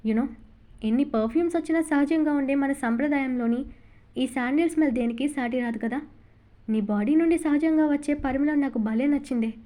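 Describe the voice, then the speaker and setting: A woman's voice: high-pitched, a little fast, dark tone, close to an everyday voice. A woman reading a fond young husband. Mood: tender. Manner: fond, coaxing, teasing. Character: young man, an ardent tender loving husband. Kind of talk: audiobook novel reading.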